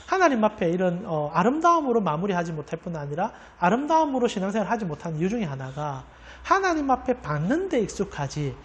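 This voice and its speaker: A woman pastor preaching a sermon in an earnest, emphatic way, often turning to address the congregation directly. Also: medium pitch.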